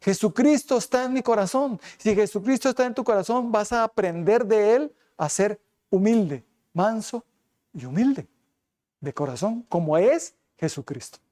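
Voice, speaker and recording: A man preaching as a pastor, emphatic, pressing his flock with rhetorical questions and moving between quick and slow passages. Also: high voice, animated, dark tone. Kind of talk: sermon.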